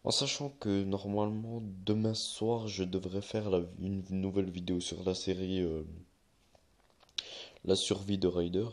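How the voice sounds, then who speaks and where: Low-voiced young man rambling through a tutorial. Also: level tone, measured pace. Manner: rambling, many fillers and self-corrections. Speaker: YouTuber giving a tutorial. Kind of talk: casual screen-recorded tutorial.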